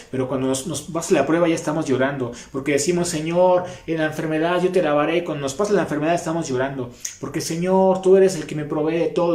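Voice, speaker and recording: A man with a Mexican Spanish accent preaching a sermon as a youth pastor, impassioned, reading scripture slowly. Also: fairly high pitch, a little mellow. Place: church hall. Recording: echoey church hall.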